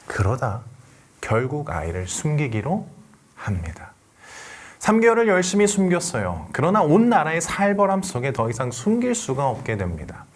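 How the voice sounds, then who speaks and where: Woman youth pastor, sermon, lively rising and falling pitch, dramatic storytelling, soft near-whispers. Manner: rhetorical questions to the congregation.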